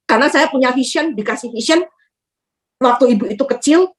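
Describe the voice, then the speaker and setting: An older woman on a video call sharing an animated personal testimony, acting out prayers and laughing as she tells it. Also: high-pitched, a little fast. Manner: animated, acts out prayers, laughs and hesitates often. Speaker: church member sharing a testimony.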